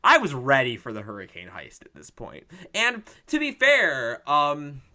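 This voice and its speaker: A man's voice: fairly high pitch, huge pitch swings, measured pace, pushed and bright. A man co-hosting a podcast, recapping a movie in casual, profane, rambling chat that keeps breaking into laughter. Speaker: podcast co-host.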